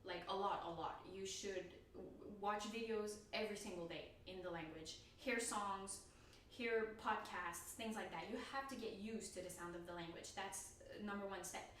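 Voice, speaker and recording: A woman's voice: medium pitch, moderate pace, a bit bright, heavy reverb, distant mic, a little hiss or hum. A woman vlogger talking casually about learning to pronounce a language, laughing often and restarting her sentences; her first language is an Indo-European one. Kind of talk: casual talk to camera.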